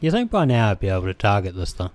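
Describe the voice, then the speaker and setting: A man's voice: lowish voice, wildly swooping pitch, very fast, a little mellow. A man with a New Zealand accent, hosting a let's play and rambling hesitantly between game moments, with plenty of ums and restarts. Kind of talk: casual gameplay commentary.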